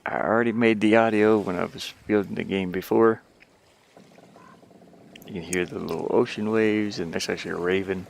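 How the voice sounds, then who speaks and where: A hobby game developer shares a work session, casually thinking aloud as commentary on his screen and muttering short fragments to himself. His voice is fairly low and gravelly with even intonation at a moderate pace, over a little hiss or hum.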